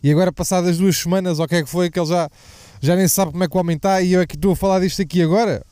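A young man with a European Portuguese accent rambles through a podcast monologue, swearing freely and cracking jokes as he drifts between topics. His voice sits fairly high and comes across smooth and resonant. The sound is dry and close, though it drifts off-mic now and then. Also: steady tone, very fast, warm tone, no echo. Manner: profane, jokey, digressive. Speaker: podcast host. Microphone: mic slipping away from the mouth at times.

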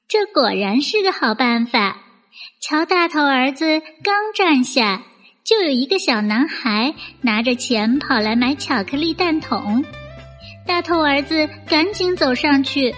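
A woman telling a bedtime story to small children in a gentle, coaxing fireside storytelling manner. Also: high voice. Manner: coaxing, addressing young listeners as little darlings. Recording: long reverb with music bed. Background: music.

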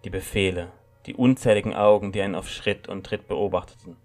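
A man's voice: sits low, fairly even intonation, a little fast, darkish tone, faint music behind, natural voice. A man voicing a stern, snippy woman of about thirty who holds the upper hand. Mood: firm, cool. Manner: snippy, firm, commanding. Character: stern red-haired woman around thirty, armed rebel.

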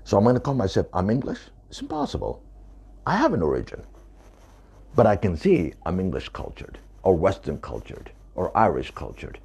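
Very deep gravelly man, emphatic. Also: huge pitch swings, moderate pace, a little mellow. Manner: emphatic, repeating points. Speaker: author. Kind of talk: talking to camera about his book.

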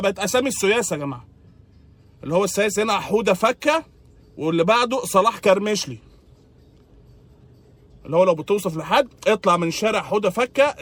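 Fast-talking Egyptian man's sarcastic comic rant. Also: high voice, a bit bright. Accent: Egyptian Arabic. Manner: exasperated, sarcastic complaining. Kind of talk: comedic monologue rant.

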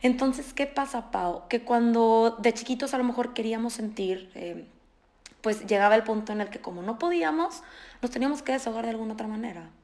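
Woman, nutritionist guest, lively explainer, slightly high voice. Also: brisk. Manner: animated, explanatory, acts out patients' quotes. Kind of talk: casual podcast conversation.

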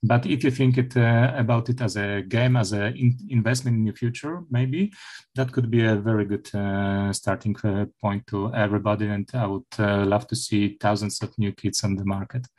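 Middle-aged male professor, halting interview answers full of fillers. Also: on the low side, steady tone, darkish tone. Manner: hesitant, many filler sounds and restarts. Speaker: university professor, interview guest.

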